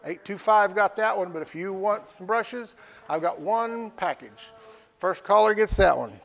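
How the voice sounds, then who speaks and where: High-pitched gravelly auctioneer man. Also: measured pace, a bit bright. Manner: folksy, repeats prices and phrases. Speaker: live stream auctioneer and host. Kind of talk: live auction calling, casual and folksy. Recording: echoey hall with long reverb.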